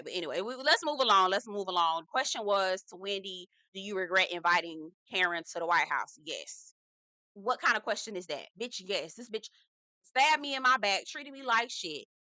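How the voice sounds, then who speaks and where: A woman with a medium-pitched, sharp voice recaps reality TV in a dry recording. She's sassy, blunt and casual, swearing freely, using heavy slang, and constantly saying "okay?" and "girl."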